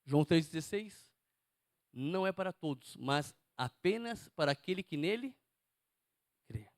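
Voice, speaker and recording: A man delivers a sermon in a high-pitched voice, speaking emphatically and repeatedly turning questions on his listeners. The sound is close and dry, with no room around it. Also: animated, measured pace, dry recording. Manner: emphatic, asks the congregation questions. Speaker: preacher.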